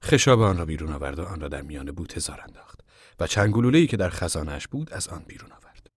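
Low, husky male audiobook narrator. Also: very animated, dry recording, studio quality.

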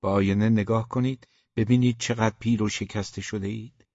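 A man's voice: on the low side, fairly even intonation, dry recording, pitched above the performer's own voice, close to an everyday voice. A man reading a teasing young woman barber. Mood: frank. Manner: gently teasing, direct. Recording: dull, dry, lo-fi recording.

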